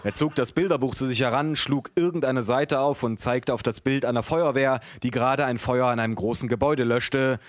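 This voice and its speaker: A male author giving a comic reading of his novel in a dry, deadpan way. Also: mid-range voice, fairly quick, few pauses, no room sound.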